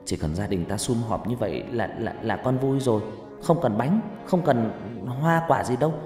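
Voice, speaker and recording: A man's voice: mid-range voice, lively intonation, darkish tone, echoey room, long reverb tail, soft background music, lightly acted. A man voicing a frightened young boy who stammers and pleads his innocence. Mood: pleading, defensive. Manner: stammering, pleading, quick and defensive. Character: frightened defensive boy Nam.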